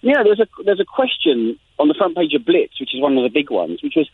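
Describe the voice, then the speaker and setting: A guest journalist from England, English-accented, speaks fast in a fairly high voice during a phone interview. He's animated and prone to frequent restarts and repetitions, and the tinny line has a little hiss or hum.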